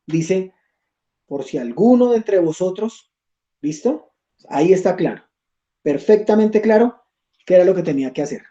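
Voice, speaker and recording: A man's voice: high-pitched, expressive, normal speed, pauses often, dark tone, muffled recording. A man teaching an online Bible study class, reading scripture aloud and checking in with his listeners.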